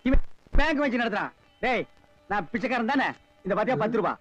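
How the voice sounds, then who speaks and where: A man's voice: extremely high pitch, animated, fast, a bit bright, no room sound, faint music behind, exaggerated voice. An actor playing a mouthy man posing as a beggar in a Tamil film comedy, scolding and mocking everyone around him. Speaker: comic lead in a film scene.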